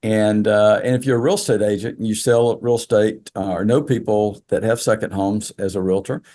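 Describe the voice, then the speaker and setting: A man from South Georgia, speaking as an interview guest in a halting way, with many fillers. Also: on the low side, steady tone, mellow. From South Georgia, USA. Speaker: entrepreneur guest. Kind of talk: casual interview chat.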